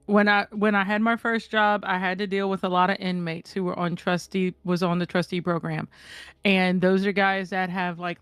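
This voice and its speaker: In casual chat, a woman with a smooth, medium-pitched voice tells stories with animated candor, speaking bluntly and swearing freely. The recording has no echo.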